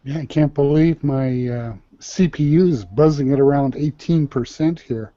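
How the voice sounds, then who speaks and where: A man's voice: medium pitch, normal speed, dark tone, no echo. Chatty man on a dry call line. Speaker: call participant. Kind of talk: casual chat. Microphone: computer mic on a video call. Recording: dry, dull lo-fi call audio.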